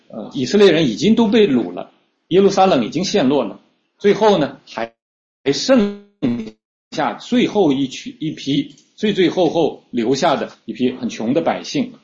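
A man's voice: on the high side, very animated, moderate pace, a little mellow. A man preaching a sermon, teaching scripture in a conversational way with frequent fillers and repeated starts. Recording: slightly dull lo-fi recording.

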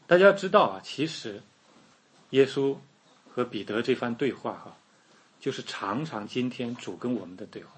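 A man preaching a sermon, telling the story in a lively way and acting out the people in it. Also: mid-range voice, moderate pace. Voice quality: very husky voice.

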